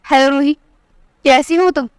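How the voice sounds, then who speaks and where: A woman's voice: high-pitched, steady tone, moderate pace, no room sound, clean studio sound, natural voice. A woman voicing a young husband who speaks earnestly and pleads with his wife. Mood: pleading. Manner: earnest, then exasperated.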